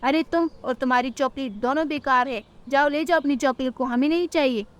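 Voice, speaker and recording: A woman's voice: high-pitched, brisk, lightly acted. A woman voicing a grumpy, rude neighbor auntie bird in a cartoon, with curt, scornful speech.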